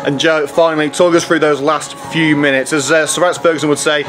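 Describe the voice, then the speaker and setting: Club TV host, man, upbeat quick questions, music behind. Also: a little high, little pitch movement. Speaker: club TV interviewer. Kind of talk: post-match interview.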